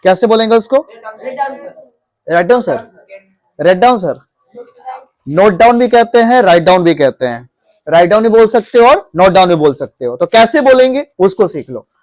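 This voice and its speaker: A man's voice: high voice, big pitch swings, normal speed, pauses often, darkish tone, dry recording. A man teaching English phrases in a classroom, coaxing and repeating questions to his students.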